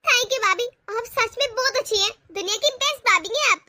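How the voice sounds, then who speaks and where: A woman's voice: very high-pitched, a little fast, bright, forceful tone, heavily acted. A woman voicing a spoiled young college girl who wheedles and pushes to get her way, in a homemade family drama. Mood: wheedling. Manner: pleading, wheedling.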